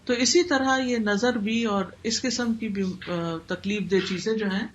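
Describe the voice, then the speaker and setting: A woman giving a religious lecture in a measured, explanatory teaching manner. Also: fairly high pitch, fairly even intonation, lo-fi sound, slight background noise. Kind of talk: Islamic lecture in Urdu.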